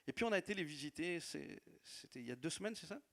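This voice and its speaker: With a creaky, fairly high voice, lively intonation and a fast pace, this pastor preaches in a church hall in a non-native French accent. His sermon testimony warmly relates stories of his church, with laughs and repeated phrases.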